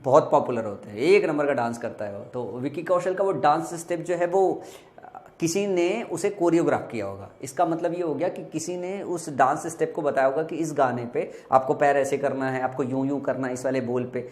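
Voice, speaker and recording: Male teacher whose first language is Hindi, patient and repetitive, spells words aloud; voice a bit high, recorded in an echoey room. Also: darkish tone. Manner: explains slowly with repetition and spelled-out letters. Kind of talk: exam vocabulary lesson.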